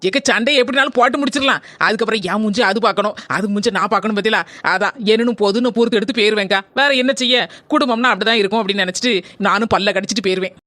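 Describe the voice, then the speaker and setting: A woman's voice: mid-range voice, a bit bright, no echo, lightly acted. A woman with a southern Tamil accent voicing a practical young wife who puts up with her mother-in-law, in a cartoon. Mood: matter-of-fact. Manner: quick, matter-of-fact.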